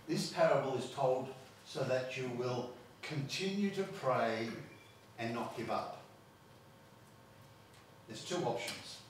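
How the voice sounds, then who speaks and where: In a very echoey church hall, recorded from a far-off mic, a pastor with an Australian accent delivers a sermon. His mid-range voice is a bit bright, carries a slight hiss or hum, and he emphasizes and repeats words to build his points.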